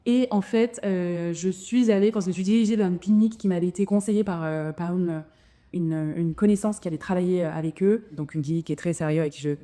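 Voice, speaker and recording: A dentist in her thirties, French by first language, recounts her move abroad in a casual to-camera chat. Her voice is lowish, fast, and dark-toned, and she leans heavily on fillers and restarts.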